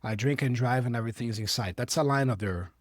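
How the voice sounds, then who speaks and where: Fast-talking and mid-range in voice, this English teacher is a native Portuguese speaker with a Brazilian Portuguese accent. He patiently explains English phrases from a clip for learners and often checks in with them. The sound is clean studio audio with no echo.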